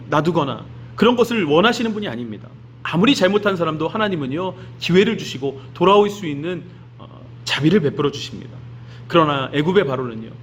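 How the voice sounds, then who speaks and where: A man's voice: a little high, a little hiss or hum. A man giving a children's sermon in a church, telling a story and asking the children questions. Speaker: children's pastor.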